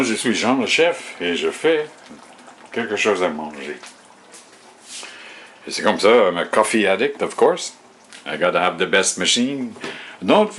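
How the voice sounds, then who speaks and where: Poor audio with slight background noise captures a deep-voiced man in his home kitchen. A home cooking vlogger, he rambles absent-mindedly to himself while cooking and cleaning.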